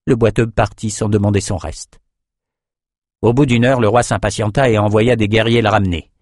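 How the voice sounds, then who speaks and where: Brief: male audiobook narrator, lowish voice, dry close sound, steady dramatic delivery. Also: moderate pace, no echo. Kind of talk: scripted narration.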